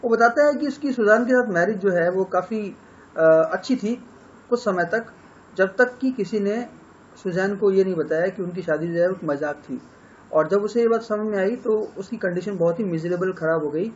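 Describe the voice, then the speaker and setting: A man with an Indian accent teaching English literature, summarizing a novel chapter by chapter in an explanatory lecture, mixing Hindi with English and pausing on fillers. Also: high voice, lo-fi sound, slight background noise.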